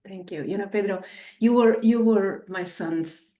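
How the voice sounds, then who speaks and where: With a warm, mid-range voice and an unhurried pace, a woman hosts a podcast, starting from a scripted introduction before turning casually conversational. The room echoes and she sounds distant from the microphone.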